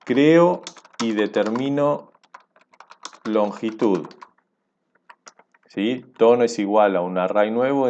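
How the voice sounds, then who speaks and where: Male coding teacher, mid-pitched, patient walkthrough, muffled lo-fi recording. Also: a little mellow. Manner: explanatory, checks in with "¿sí?". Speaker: programming teacher. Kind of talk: screencast coding lesson.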